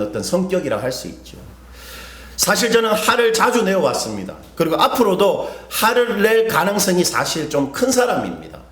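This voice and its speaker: Lively-pitched Korean pastor preaching in echoey room. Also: male voice. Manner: conversational preaching, asks the congregation questions, tells personal stories. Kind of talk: sermon. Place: church hall.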